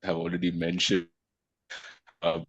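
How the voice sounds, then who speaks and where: A man's voice: deep voice, completely flat delivery, unhurried, dry recording. A man speaking as a panel guest in a webinar over a video call, his voice breaking up with buffering stutter as the connection chops. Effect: buffering stutter, audio cutting in and out on a choppy call. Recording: dull, dry lo-fi call audio.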